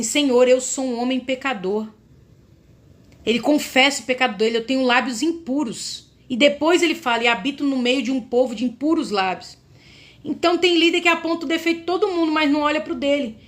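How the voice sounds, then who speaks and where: Brazilian woman preacher, high voice, fervent sermon delivery, keeps addressing the congregation directly. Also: a bit bright. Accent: Brazilian Portuguese. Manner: fervent, repeatedly addresses listeners as brothers.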